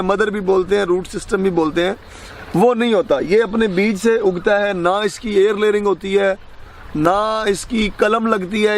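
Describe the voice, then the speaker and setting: High-voiced man giving firm farming advice. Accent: Pakistani Punjabi. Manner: instructive, corrects misinformation firmly. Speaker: farm expert guest. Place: outdoors on a farm.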